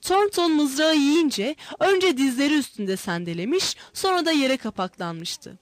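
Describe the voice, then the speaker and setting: A woman reads a story aloud as audiobook narration, measured and expressive. Her voice sits high and moves through a wide, lively range, and the recording is close and dry with no room sound. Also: no echo.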